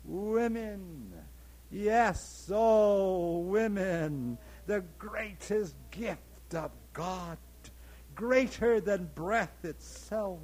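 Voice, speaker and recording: A man reading a dramatic monologue as a lusty, grandiose colonial frontier landowner, in a slow, declaiming way that swells loudly on words. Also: high-pitched, heavily acted. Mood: rapturous.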